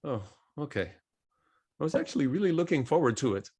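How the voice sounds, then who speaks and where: A man's voice: on the high side, big pitch swings, brisk, mellow, breathy edge, exaggerated voice. An actor playing an earnest middle-aged man on a date, reading his lines with awkward, eager banter in a table read.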